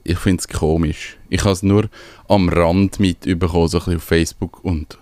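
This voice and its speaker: Searching for words as he rambles, a Swiss German-accented man co-hosts a radio show in a casual chat; he also runs a small business. He speaks at a moderate pace in a low, steady voice with a darkish tone, and there's no room sound.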